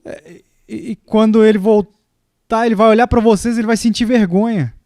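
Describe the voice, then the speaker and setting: A man delivers a sermon in a high, light voice, telling stories to make his point. The sound is dry and close, with no echo around him. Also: fairly even intonation, normal speed, darkish tone. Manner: storytelling with acted quotes, rising pitch in the quoted lines. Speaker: preacher.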